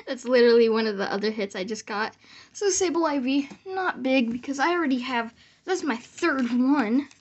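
A woman's voice: high-pitched, animated, moderate pace, highs cut off. A woman giving casual commentary as she hosts a card-opening vlog. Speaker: card-opening video host. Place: small indoor room at home. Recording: clearly noisy, card wrapper crinkling. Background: noise, crinkling and clicks of card packs.

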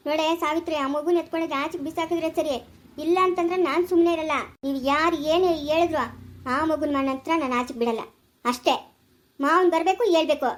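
A domineering old village matriarch, played by a woman, scolds her family in a high, rapid voice. She speaks with a rural Chikkaballapura Kannada accent, bossy and shrill. It is an amateur family skit. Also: a little hiss or hum, natural voice. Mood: indignant. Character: furious older village mother-in-law, domineering.

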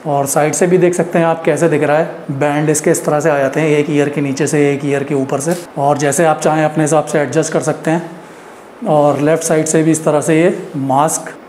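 A man's voice: a little high, little pitch movement, normal speed, darkish tone. A man talking through a face mask as he reviews a product in a casual vlog, explaining it in a chatty way to his viewers. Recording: echoey room, faint background hiss.

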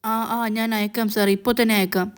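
A woman voicing an anxious middle-aged husband who is flustered on the phone and soothes his wife, in a smooth voice. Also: fairly high pitch, level tone, normal speed, lightly acted.

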